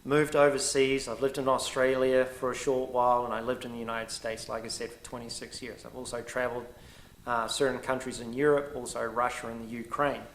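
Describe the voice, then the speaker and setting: A man's voice: mid-range voice, level tone, a little fast, reverberant, slight background noise. A middle-aged man with a New Zealand accent giving an emphatic, indignant opinion monologue straight to his viewers, with rambling asides. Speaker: vlogger. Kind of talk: direct-to-camera opinion monologue.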